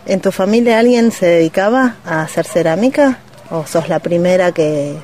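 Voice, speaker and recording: A woman with an Argentine accent hosting a radio interview, attentive and prompting with soft acknowledgments. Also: fairly low pitch, expressive, moderate pace, a little hiss or hum. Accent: Argentine Spanish. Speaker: radio host.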